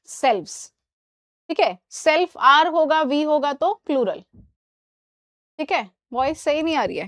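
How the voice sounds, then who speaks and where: Woman English teacher, high voice, dry close sound, slow careful examples, checks in with students. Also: dry recording. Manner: explains in Hindi, reads English examples slowly and carefully; asks students questions and checks understanding. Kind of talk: live online class lesson.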